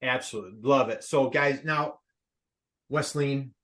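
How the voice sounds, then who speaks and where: A man's voice: mid-range voice, a little slow, a bit bright. A man hosting a live online workshop, upbeat and playful, quizzing his audience over a video call. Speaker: workshop host.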